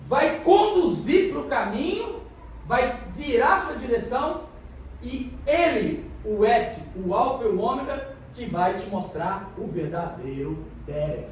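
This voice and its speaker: High-voiced pastor in an echoey hall. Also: male voice, expressive, measured pace, slight background noise. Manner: explains and quizzes the congregation. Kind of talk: sermon. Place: church hall. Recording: echoey church hall, mic from a distance.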